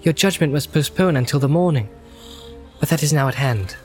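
A man doing a gentle, courteous young hobbit. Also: fairly quick, soft background music, lightly acted. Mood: earnest. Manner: courteous, softer and higher than the narration. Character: earnest young male hobbit, polite and gentle. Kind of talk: audiobook character voice.

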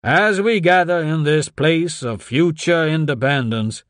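A booming male senator at a rally podium, orating slowly and grandly with a raised, lifted voice, as a male narrator puts him on. The sound is close and dry, with no room around it. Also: a bit bright, dry recording. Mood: oratorical. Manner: slow, raised oratorical delivery.

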